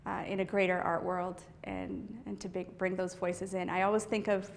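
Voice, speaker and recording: A woman's voice: fairly low pitch, flat delivery, moderate pace, gravelly, a little hiss or hum. Thoughtful woman artist talking about her studio. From US East Coast. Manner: thoughtful, with many fillers, restarts and light laughs. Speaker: artist being interviewed. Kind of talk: casual interview talk. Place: indoor art studio.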